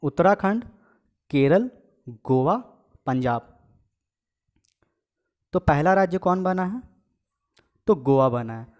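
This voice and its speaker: Higher-pitched male tutor quizzing viewers. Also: animated, slow pace, long pauses. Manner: reads questions and options aloud, then gives the answer; repeats each question and adds filler checks like "okay". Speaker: exam coaching teacher. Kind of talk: casual quiz lesson.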